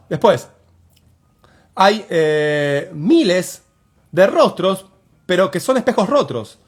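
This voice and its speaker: A man teaching poetry, walking his students through a poem step by step and often asking them to look closely at what he points out. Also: high-pitched. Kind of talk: explanatory lesson on a poem.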